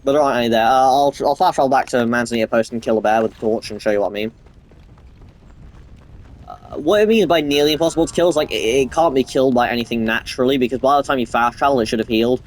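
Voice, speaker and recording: A man's voice: medium pitch, fast talker. A man giving casual gameplay commentary, rambling, swearing freely and restarting his sentences. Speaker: gamer playing on camera.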